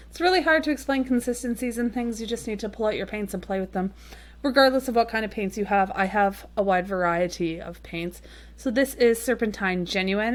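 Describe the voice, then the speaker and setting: A woman talking casually through a watercolor painting tutorial, chatty and rambling with frequent ums and little apologetic asides. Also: medium pitch. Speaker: watercolor card-making tutorial host.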